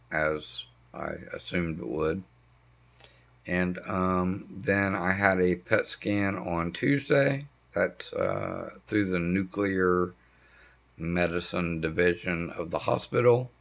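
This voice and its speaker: A middle-aged man with a hoarse voice impaired by throat cancer treatment, giving a halting, casual update at home with many pauses. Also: deep voice. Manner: slow, halting delivery with frequent ums. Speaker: homestead vlogger. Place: dim living room indoors. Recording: dull lo-fi camera audio.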